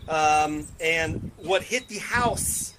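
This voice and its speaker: A man's voice: fairly high pitch, drawn-out words, sharp tone, a little hiss or hum, low-quality recording. A man on a roundtable panel explaining things in a wry, matter-of-fact way in casual talk.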